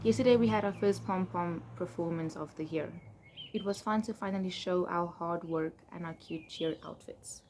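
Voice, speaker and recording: A young adult woman with a South African accent, reading aloud and chatting casually in a candid, expressive way. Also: lowish voice, moderate pace. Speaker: vlogger. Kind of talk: casual reading of old diary entries with asides. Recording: clear background noise.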